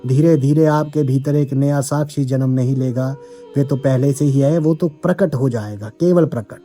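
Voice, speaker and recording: A man giving a calm, measured devotional discourse as a spiritual teacher, speaking directly to seekers. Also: mid-range voice, soft background music.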